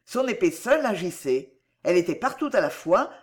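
Expressive, theatrical audiobook narrator. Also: medium pitch, a little fast.

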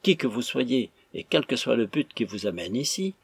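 A man voicing an indignant young gentleman who speaks severely and curtly. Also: medium pitch, sing-song, moderate pace, creaky, husky, no room sound, exaggerated voice. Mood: stern. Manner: severe, curt.

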